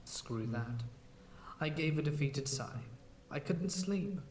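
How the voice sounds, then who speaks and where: Man, scripted horror narration, unhurried, echoey room, distant mic with faint hiss. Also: a little high, lively intonation, a little mellow. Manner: slow, measured storytelling.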